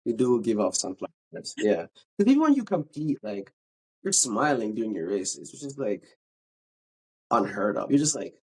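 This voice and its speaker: A man's voice: on the low side, sing-song, normal speed, a little mellow, husky, low-quality recording. A man hosting a podcast, asking questions in a chatty, hesitant way with restarts. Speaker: podcast host. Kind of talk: casual interview.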